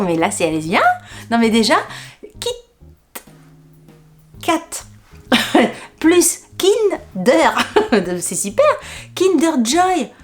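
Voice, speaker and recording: A woman vlogger talks her viewers through a food box in a loose, rambling way. She laughs often and her voice leaps upward whenever something catches her eye. Her pitch sits in a middle range at an ordinary pace. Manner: chatty and rambling, laughing often, voice jumping up in surprise. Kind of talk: casual unboxing chat to camera.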